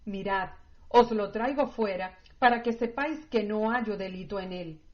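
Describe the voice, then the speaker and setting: A woman reading the lines of a wary, questioning male Roman governor in her own measured voice, on dull lo-fi audio. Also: medium pitch, lightly acted. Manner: read plainly in the narrator's own measured voice.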